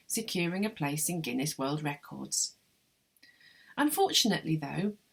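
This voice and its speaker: Low, gravelly woman reading a novel. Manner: measured, wry first-person narration. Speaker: literary translator reading her translation. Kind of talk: literary reading of a novel excerpt.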